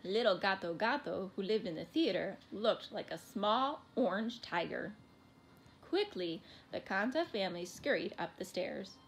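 A woman reading a children's picture book aloud in an expressive, animated way. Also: mid-range voice, a little slow, a little hiss or hum. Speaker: storybook reader.

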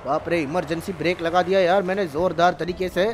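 A man hosting a gaming channel jokes through gameplay using character voices, full of excited exclamations and teasing. He speaks high-pitched and fairly quickly over a little hiss or hum.

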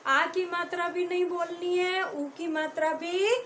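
A woman teacher giving a slow phonics lesson to small children, sounding out syllables one by one and asking and answering her own questions. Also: very high voice, little pitch movement, fairly bright tone. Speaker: pre-primary teacher. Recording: echoey classroom with faint noise.

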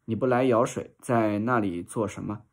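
A man's voice: fairly low pitch, steady tone, moderate pace. A man voicing a harsh, angry mother of a maid in a storybook reading, berating in a hot-tempered way.

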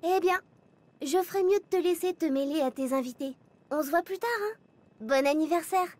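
A woman's voice: high voice, a little fast, natural voice. A woman in a French game dub playing a cheerful, teasing ten-year-old girl. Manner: bright, chatty and teasing.

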